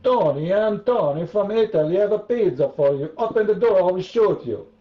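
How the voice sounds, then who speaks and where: A man's voice: high-pitched, lively intonation, a little fast, roomy sound, lo-fi sound. A man doing a pushy pizza-delivery angel. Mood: impatient. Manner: impatient, scolding, shouting at the door.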